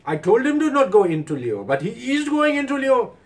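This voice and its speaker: A man putting on a shrill exasperated nagging voice. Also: very animated, fairly quick, a bit bright, recorded from a distance, full character voice. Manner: high-pitched comic accent, nagging and pleading. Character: exasperated man scolding a stubborn planet.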